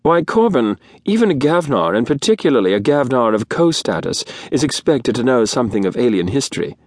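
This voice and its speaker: A man's voice: mid-range voice, very animated, brisk, a little mellow, no room sound, clean studio sound. A man voicing a huge, furred male alien who talks in a sly, needling way.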